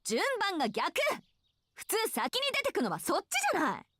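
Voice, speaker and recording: An actress voicing a proud, sharp-tongued young woman in an anime-style visual novel, curt and scolding. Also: high-pitched, huge pitch swings, very fast, no room sound, full character voice. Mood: indignant. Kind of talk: anime game voice acting.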